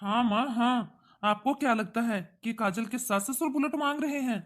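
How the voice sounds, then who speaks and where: A woman voicing a young adult son in a cartoon, who speaks calmly and reasons patiently with his mother. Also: fairly high pitch, normal speed, close to an everyday voice. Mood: reasoning. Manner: reasoning, placating. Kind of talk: cartoon voice acting.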